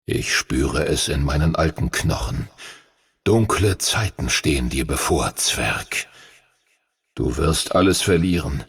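A man voicing an ancient, gruff male dragon mentor who speaks slowly and gravely in a deep, stern voice. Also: lively intonation, a bit bright, no echo, studio quality, heavily acted. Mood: ominous. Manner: stern, scolding, ominous.

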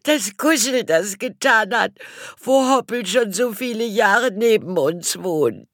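A woman's voice: medium pitch, lively intonation, takes it slowly, a bit bright, no room sound, studio quality, voice pushed up. A woman voicing a hysterical young girl in an audiobook, shrieking and wailing. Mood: shrill distraught.

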